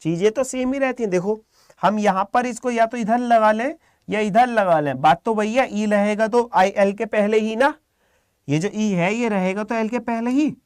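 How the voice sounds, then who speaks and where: A man's voice: high-pitched, clean tone, no room sound. Man, shorthand teacher, live online class, patient, encouraging, dry close sound. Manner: calm, encouraging, quizzes students by name.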